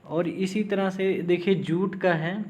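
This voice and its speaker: A man's voice: high-pitched, fairly even intonation, takes it slowly, a little mellow. A man teaching a lesson for an agriculture exam, explaining memory tricks. He spells words letter by letter and keeps checking in with his listeners. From India. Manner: repeats "thik hai" often, spells words letter by letter.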